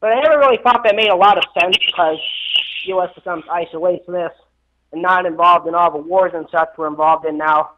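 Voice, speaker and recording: A fairly high-pitched young man calls in to a radio show, his voice muffled and dulled by the phone line. He stumbles over his first words, then hurries through a long, run-on question. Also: fairly quick. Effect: calling in over a phone line.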